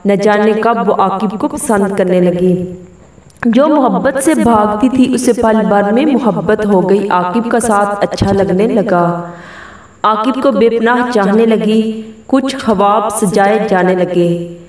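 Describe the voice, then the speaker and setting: A woman narrating a story in an even storytelling voice, reading every character's lines herself. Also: mid-range voice. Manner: reads all characters' dialogue in her own voice. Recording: very echoey room, distant mic.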